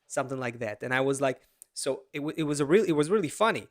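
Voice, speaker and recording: A man in his thirties, a podcast co-host, tells a story in casual conversation, animated and full of restarts, over a video call. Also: medium pitch, fast.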